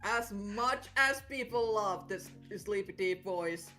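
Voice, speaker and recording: A woman co-hosting a game stream in casual chat, teasing, bossy and quick to exclaim. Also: mid-range voice, pushed and bright, soft background music.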